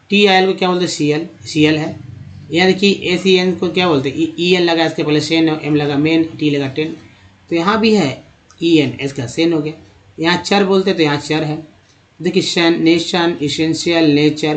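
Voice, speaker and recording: A man teaching a spoken lesson over slides. He explains step by step, repeats words slowly and calls his viewers friends. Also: fairly high pitch. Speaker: English teacher.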